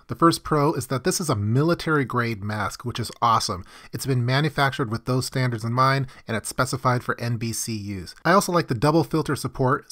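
A man's voice: mid-range voice, a bit bright. A man, presenting a product review as its host. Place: hedged backyard, outdoors.

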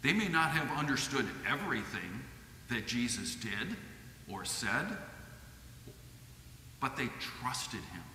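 A middle-aged man with a Midwestern American accent delivers a sermon from a lectern microphone in a measured, earnest manner. His voice has a bright tone and reaches the mic with a long church reverb and a faint hum of ambience behind it. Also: medium pitch, animated. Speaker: lay preacher. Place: church sanctuary with stained glass. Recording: echoey church hall.

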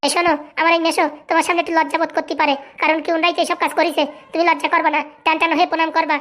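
A woman's voice: very high-pitched, flat delivery, rapid-fire, a bit bright. A woman voicing a bossy elder sister who lectures and orders others about. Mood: scolding.

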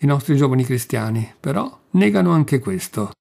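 Calm ironic guy arguing ideas in an audiobook, read by a man, gravelly and husky. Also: mid-range voice, moderate pace. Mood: calm wry. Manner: calm, wry. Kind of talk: audiobook reading.

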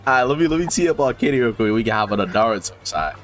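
A man's voice: mid-range voice, animated, quick pace, very noisy. A man playing a fighting game with friends, talking loose slang, swearing and exclaiming as the fight goes. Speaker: gaming channel host. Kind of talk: casual gameplay chat with friends.

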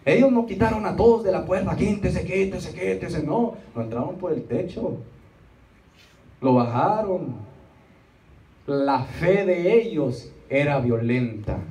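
This emphatic preacher has a warm, expressive voice that runs on the high side, and he elongates key words and waits for the congregation to answer. His Spanish sermon uses rhetorical repetition and little acted asides. The sound, captured from the seats of a small indoor church room via his handheld microphone, is distant and roomy with slight noise.

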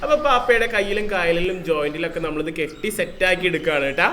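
Outdoors on the street and in a park, a young vlogger playfully narrates a casual DIY video as he makes and wears costume puppets for his viewers. His high voice is expressive, bright and forceful, and he talks quickly. There's a little hiss or hum in the audio.

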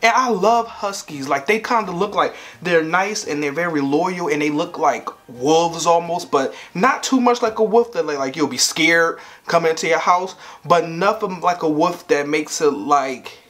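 This fairly high, slightly bright male voice belongs to a vlogger in his twenties, joking around on camera from home with frequent laughter. He keeps a moderate pace with few pauses, in a relaxed chat-to-camera style.

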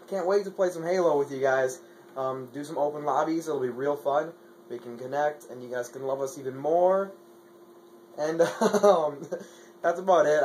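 A man's voice: on the high side, a little mellow, slight background noise. A young man talking casually in a vlog, rambling with lots of fillers and stumbling over his words. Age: young adult. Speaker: vlogger. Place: Madison, Wisconsin, partly outdoors.

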